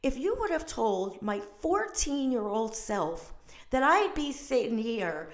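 A woman's voice: fairly high pitch, very animated, slow pace. A middle-aged woman hosting a podcast, talking on her own in a chatty, gushing way that breaks off and restarts mid-sentence. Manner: gushing, chatty, self-interrupting. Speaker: podcast host. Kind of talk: casual solo podcast monologue.

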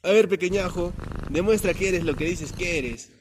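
A cocky, mocking cat, voiced by a man with a raised, high voice. He talks in a bossy, teasing way, with faint noise in the background of this storybook audio drama. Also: normal speed, natural voice. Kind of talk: children's story acting.

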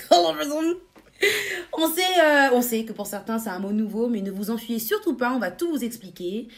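A young woman co-hosting a casual podcast, bubbly, laughing often and filling pauses with hesitations. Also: on the high side, animated. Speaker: podcast co-host.

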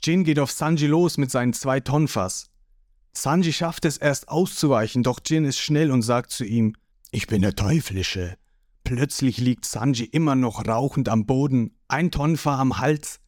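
A man narrating an audio manga reading with slow, deliberate storytelling. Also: mid-range voice, darkish tone, no room sound, clean studio sound.

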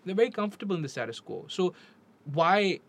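A man's voice: sits high, big pitch swings, fairly quick. A man with a Pakistani accent hosting a casual podcast, informal and emphatic, often repeating his phrases. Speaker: podcast host. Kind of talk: casual podcast chat mixing English and Urdu.

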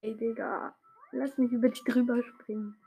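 A young woman chatting casually with a friend during a video game, playful and teasing, with quick yelps and slang. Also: a little high, fairly even intonation, warm tone, husky. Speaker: gamer. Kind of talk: casual gaming chat.

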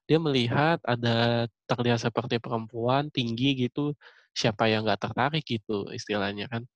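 A man co-hosts a casual podcast, teasing his partner in easy slang and breaking into laughter often. He speaks at an ordinary middle pitch. His voice is recorded close and dry. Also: moderate pace, no room sound, highs cut off. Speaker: podcast co-host. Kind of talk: casual chat.

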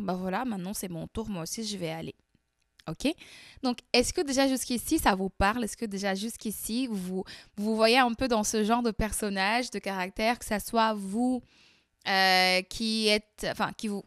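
A young woman with a Portuguese accent speaks directly to her viewers in a casual advice monologue. She's animated and acts out little dialogues, her mid-range voice recorded in a clean studio with no echo.

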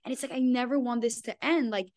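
Talking fast in a fairly high, darkish voice with fairly even intonation, a woman in her twenties appears as a guest on a casual podcast. She was born in France and grew up in Canada. She's enthusiastic and gushing and laughs often.

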